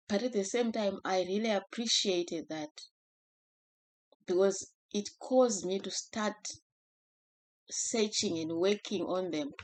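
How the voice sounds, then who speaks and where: A woman speaking in a gentle, unhurried way in a personal devotional talk, with many fillers and restarts. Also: mid-range voice.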